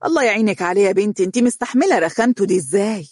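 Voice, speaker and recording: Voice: medium pitch, expressive, a little mellow, no room sound, studio quality, voice pushed up, close to an everyday voice. Narrator playing a kindly Egyptian mother-in-law. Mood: fond. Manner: chiding, amused, quick. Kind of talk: storybook reading.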